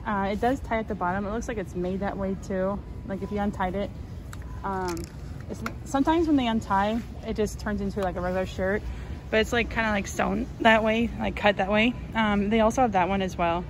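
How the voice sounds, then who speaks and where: A woman vlogging as she walks a large store, chattily listing prices and getting excited over new finds. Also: mid-range voice, a little fast, noisy background. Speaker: shopping vlogger. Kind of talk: casual shop-with-me narration. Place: large retail store, indoors.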